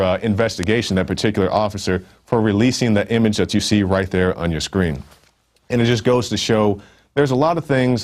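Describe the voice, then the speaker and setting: A man with a very low voice hosts his own news commentary show. He talks emphatically and loosely, with casual asides and frequent "uh"s between his points. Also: darkish tone. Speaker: online show host.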